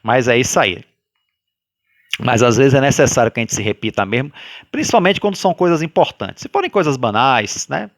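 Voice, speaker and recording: A man with a Brazilian Portuguese accent leading a guided religious study, talking loudly by habit and often checking in with his listeners. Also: medium pitch, brisk, dry recording. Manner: animated, sways between loud and soft. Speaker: study group leader.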